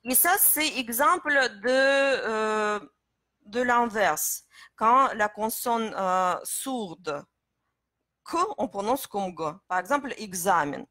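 A woman's voice: fairly high pitch, slow, bright, forceful tone, no echo. A woman teaching pronunciation in French, explaining step by step with many hesitations. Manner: explanatory, many fillers and restarts. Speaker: Russian teacher. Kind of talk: live-stream pronunciation lesson.

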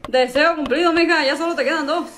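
A woman voicing a male genie on a budget, who talks in a folksy, drawn-out, playfully theatrical way. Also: high-pitched, a bit bright, slight background noise. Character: cheap male genie with a fake Mexican accent.

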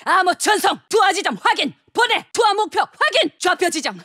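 A woman voicing a tough, brash female soldier in a video game, shouting short combat commands and taunts into a close studio mic. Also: very high voice, very animated, moderate pace, dry recording, exaggerated voice. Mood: commanding. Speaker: voice actor. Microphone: close studio mic, dry booth.

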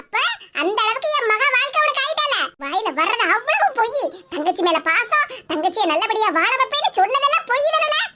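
A woman's voice: extremely high pitch, big pitch swings, brisk, very noisy. A woman doing a fiery scolding old mother. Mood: angry scolding. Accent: Tirunelveli Tamil. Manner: scolding, accusing, sarcastic.

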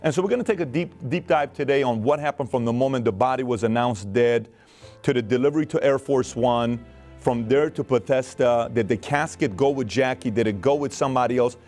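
A man in his thirties from Iran hosts a studio interview and show intro on a set with a wood-panel wall. His mid-range voice is fairly quick over soft background music, and he speaks earnestly and animatedly, using many fillers and hand gestures.

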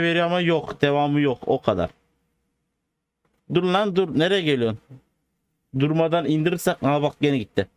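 A man giving casual, excitable gameplay commentary as a video host, joking and bantering in slangy street talk. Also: on the high side, dry recording.

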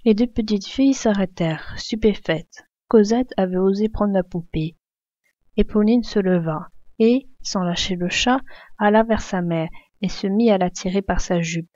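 Reader: woman, expressive literary reading, dark mellow tone, dry lo-fi sound. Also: mid-range voice, normal speed, no echo. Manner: expressive, voicing the characters' shouts.

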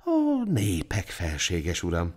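A man voicing a greedy, cruel male town judge in a storybook tale, slow and humble toward the king. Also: low-pitched, wildly swooping pitch, darkish tone, heavily acted. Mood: fawning, humble.

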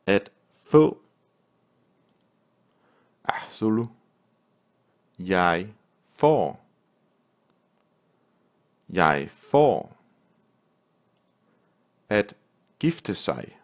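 Danish-accented male teacher, deep voice, measured repeat-after-me word drills. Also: very animated. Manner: reads each word with pauses and repeats it. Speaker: language teacher. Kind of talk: slow vocabulary drill reading.

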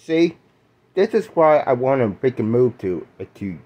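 A young man vlogging, halting and stammering through lots of fillers, shaken and upset as he rants, with angry outbursts. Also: medium pitch, big pitch swings, lo-fi sound. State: shaking and upset. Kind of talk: casual rant to camera.

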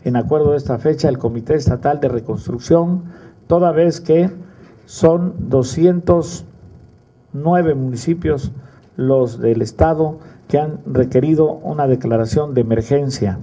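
A man's voice: a little high, unhurried, mellow, poor audio. A middle-aged man with a Mexican accent, an official giving a press conference briefing into table microphones. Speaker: government official. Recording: clear background noise, clicks.

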